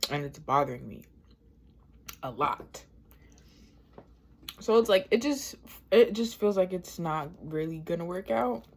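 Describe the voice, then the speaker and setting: A woman's voice: lowish voice, expressive, measured pace, creaky, pauses often, a little mellow, a little hiss or hum. An American woman in her twenties telling a casual, rambling, sweary complaint while eating, talking with her mouth full. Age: 20s. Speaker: vlogger.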